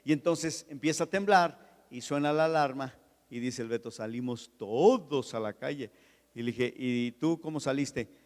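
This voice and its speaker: A man preaching a sermon as pastor, telling stories with swings from loud, raised passages to soft, chatty asides. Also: mid-range voice, moderate pace. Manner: storytelling, shifts from loud preaching to soft anecdote. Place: church. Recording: long reverb of a church hall.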